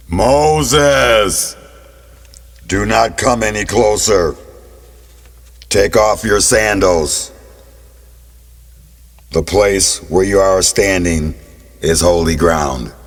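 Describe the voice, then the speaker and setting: Man voicing a deep booming God from a burning bush, slow commanding lines, long hall reverb. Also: heavily acted. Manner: slow, commanding, echoing proclamations. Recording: long reverb, distant from mic.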